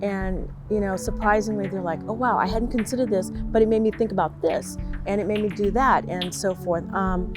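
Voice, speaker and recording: A woman's voice: medium pitch, steady tone, normal speed, hardly any pauses. A middle-aged woman instructor speaking conversationally in an outdoor interview. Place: outdoors by flower beds. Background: background music.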